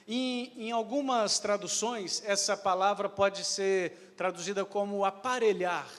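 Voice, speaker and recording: High-voiced male interpreter in a hall. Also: fairly even intonation, measured pace, a bit bright. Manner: hesitant, with fillers and self-corrections. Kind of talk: live sermon interpretation. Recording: echoey hall with long reverb.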